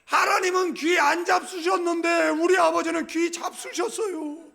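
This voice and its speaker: A man voicing a little boy who loudly begs God for a bicycle in a sermon story. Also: very high-pitched, fairly even intonation, moderate pace, creaky, pitched above the performer's own voice, exaggerated voice. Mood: pleading. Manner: shouting, pleading.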